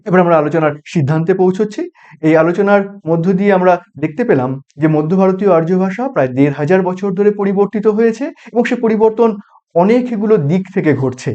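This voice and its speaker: Measured male lecturer, dull lo-fi sound. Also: sits high, mellow. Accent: Bengali. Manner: measured, explanatory, pauses on example words. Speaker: university lecturer. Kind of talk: recorded educational lecture.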